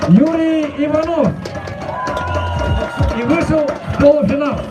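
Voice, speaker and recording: A man with a very high voice introduces wrestlers to spectators as a tournament announcer, repeating key phrases. Music and a crowd sound clearly behind him. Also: expressive, takes it slowly, poor audio. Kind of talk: introducing and explaining bouts to spectators.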